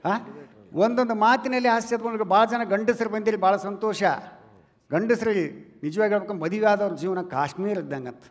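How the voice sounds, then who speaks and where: On stage in a large hall with long reverb, a man with a North Karnataka Kannada accent performs stand-up before a live audience. Speaking at normal speed in a voice that sits high, he banters loudly with the crowd and calls them relatives.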